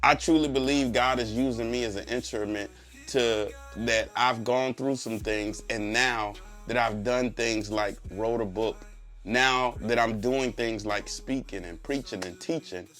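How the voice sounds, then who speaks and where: Male motivational preacher, mid-pitched, slightly congested, insistent repeated phrases and rhetorical questions, music underneath. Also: fairly even intonation, measured pace, fairly bright tone. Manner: emphatic repetition and rhetorical questions. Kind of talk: motivational speech, faith testimony.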